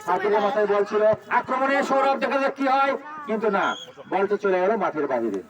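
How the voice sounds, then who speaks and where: A Bangladeshi man giving excited, urgent live football commentary, repeating players' names and calls. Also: high voice, quick pace, recorded from a distance, a crowd in the background. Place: outdoors at a local football ground.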